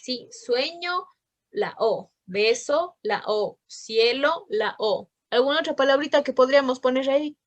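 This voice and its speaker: Female teacher on an online class, high-pitched and dry, patient explainer. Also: normal speed, hardly any pauses, no room sound, dull audio. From Ecuador. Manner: patient, checks in with frequent questions.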